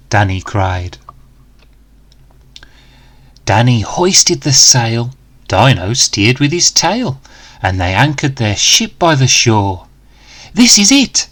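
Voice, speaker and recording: A man reads aloud a rhyming children's picture book, going slowly and deliberately. His delivery is dramatic and expressive, with very animated swings in pitch.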